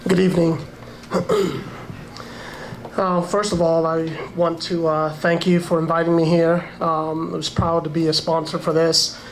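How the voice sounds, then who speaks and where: A man, a sponsor giving a halting speech at a gala with many fillers. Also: a little high, level tone, a little hiss or hum, low-quality recording. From Panama. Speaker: event sponsor, businessman.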